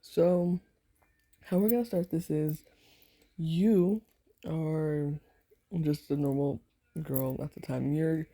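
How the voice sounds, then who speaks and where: A low-voiced woman talks casually ahead of an ASMR role-play, unhurried and rambling. Her tone is mellow and soft-spoken, and she drifts into whispers now and then. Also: steady tone. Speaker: ASMR voice actor.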